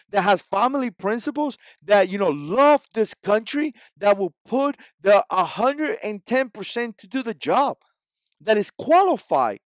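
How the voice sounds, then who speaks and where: A Cuban man in his forties, a native Spanish speaker, delivers an opinion commentary vlog in Cuban-accented English. He pounds his arguments with emphatic repetition, his voice pitched high for a man. The audio is close-miked and dry, without any echo.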